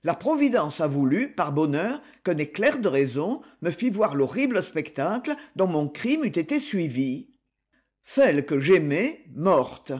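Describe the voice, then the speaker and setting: A man voicing a troubled, restrained man who speaks in an earnest, confessional way, with a high, lively, slightly husky voice at a slow pace. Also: exaggerated voice.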